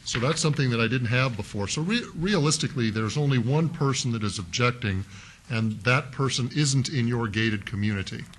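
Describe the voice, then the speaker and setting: A city council member questions an applicant through a desk mic, his voice medium in pitch, brisk and a bit bright, with a little hiss or hum in the recording. He goes about it in a folksy, methodical way, thinking aloud with fillers, in the council chambers of a public hearing.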